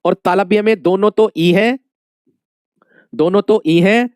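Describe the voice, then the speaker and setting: A man's voice: high voice, slow pace, darkish tone, smooth, no echo, studio quality. A male Hindi teacher giving an exam-prep lesson, calling his students dear friends, asking questions and repeating the answers many times.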